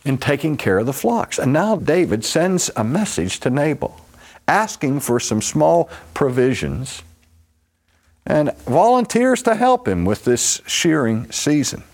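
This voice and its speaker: A man preaching a sermon, retelling scripture in an animated storytelling manner and acting out the voices of its characters. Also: fairly high pitch, unhurried.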